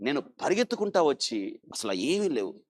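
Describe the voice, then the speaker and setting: Animated man telling a dramatic story. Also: fairly high pitch, moderate pace. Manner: dramatic, animated storytelling that swings between loud emphasis and quiet; speaks directly to listeners, urging them to listen and think. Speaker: doctor. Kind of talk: storytelling in an interview.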